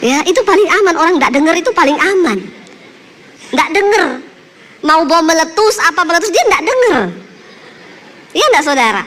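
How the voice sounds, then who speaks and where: Woman pastor, very high voice, lively joking storyteller in the pulpit, slight background hiss. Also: moderate pace, long pauses. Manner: lively, joking anecdotes addressed to the congregation. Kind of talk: sermon with humorous storytelling.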